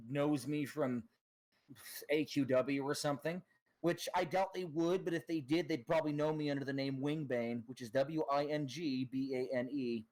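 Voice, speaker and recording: Chatting casually as a stream guest, a man hesitantly rambles about doing voice impressions, seeming self-conscious. His voice is a little high with a darkish tone.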